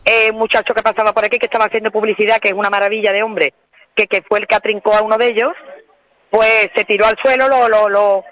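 An Andalusian woman calling into a radio show as an eyewitness, telling her story in an excited, repetitive rush. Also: medium pitch, fast talker, no echo, low-quality recording. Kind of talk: phone interview on radio.

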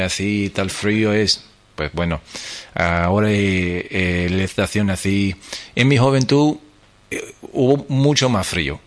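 A man with an American accent speaks Spanish as a second language, with many pauses and fillers. His voice is fairly low. He talks as a friendly radio guest describing his home state. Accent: American English. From New Jersey, United States. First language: English.

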